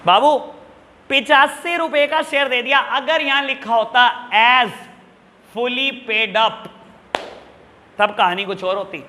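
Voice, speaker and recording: A man's voice: very high voice, bright, forceful tone, in a large hall. A male accounts teacher lecturing a classroom of students, fatherly and scolding, firing rhetorical questions at them.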